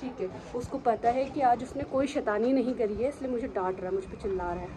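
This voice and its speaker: A woman narrating her day in an easygoing, chatty vlog. Her voice sits a little high, and she slips into cooing baby talk with her dogs. A faint hiss of noise runs underneath. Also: a little fast. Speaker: vlogger and dog owner. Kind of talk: casual daily vlog narration. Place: home and outdoors on walks.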